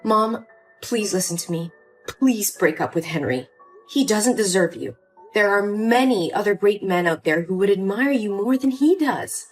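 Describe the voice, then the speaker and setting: A woman's voice: mid-range voice, animated, moderate pace, lightly acted. A woman voicing an emotional young daughter pleading with her mother in a story drama, with faint music behind. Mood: upset.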